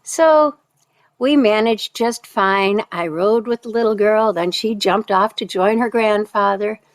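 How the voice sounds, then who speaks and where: A woman's voice: medium pitch, a little slow. A woman from the United States telling a personal story in a chatty, self-deprecating way, with restarts.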